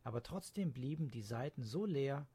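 A man's voice: mid-range voice, moderate pace, husky. Man reading a children's story. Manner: calm, even storytelling. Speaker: narrator.

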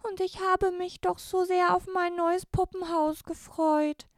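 A woman voicing a young girl who speaks in a high, whiny, plaintive way. The girl is upset and indignant. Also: level tone, measured pace, no echo, studio quality.

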